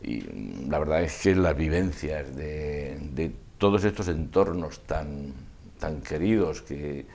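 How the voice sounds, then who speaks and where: An older man reminiscing in an interview, discursive and halting, often trailing off mid-thought. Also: rumbling low, a little mellow. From Spain. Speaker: interview guest, festival proclamation speaker.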